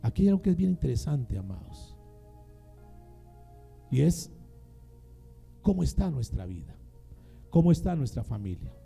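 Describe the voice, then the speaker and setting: A male pastor delivers a dramatic sermon in a fairly high, gravelly voice with a dark, mellow tone. He asks the congregation questions and calls on them to repeat his phrases. Faint music plays behind him. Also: sing-song, moderate pace, long pauses. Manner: dramatic call-and-response preaching.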